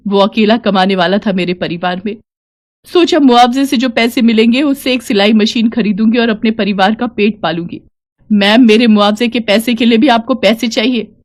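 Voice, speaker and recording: Woman plays a desperate poor widow in a cartoon story, high-pitched and rushed. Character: poor grieving widow, pleading and tearful.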